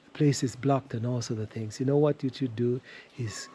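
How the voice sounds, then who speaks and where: A man vlogging on his travels, telling a long story with restarts and animated quoted dialogue. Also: medium pitch, normal speed, a little hiss or hum, poor audio. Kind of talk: casual storytelling to camera.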